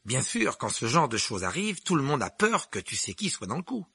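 A man voicing an eager, talkative young wizard boy who rambles excitedly. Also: medium pitch, moderate pace, vocal fry, breathy edge, dry recording, voice pushed up, heavily acted. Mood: chatty. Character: chatty eager red-haired wizard boy.

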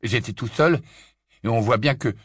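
A man's voice: mid-range voice, moderate pace, slightly rough, dry recording, studio quality, lightly acted. A man voicing a sheepish, stammering teenage boy wizard who sometimes bellows back. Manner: stammering, apologetic, then bellowing.

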